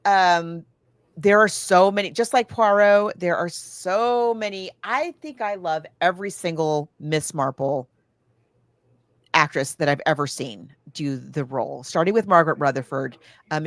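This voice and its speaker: A woman co-hosting a podcast chats casually about films and books with gushing enthusiasm. Her voice is low, and the recording has no room sound.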